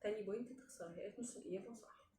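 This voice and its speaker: A woman's voice: mid-range voice, racing, warm tone, recorded from a distance. A young woman with an Egyptian Arabic accent, bantering and teasing through a casual quiz game with a friend. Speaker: singing challenge contestant and questioner. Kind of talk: playful casual quiz chat. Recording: echoey room, off-mic, faint noise.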